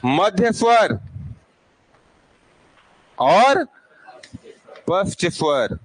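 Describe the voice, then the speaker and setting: A man's voice: high-pitched, big pitch swings, extremely slow, breathy edge, no room sound, rough recording. A male teacher giving a classroom lesson, quizzing his students over and over and prompting them to answer aloud.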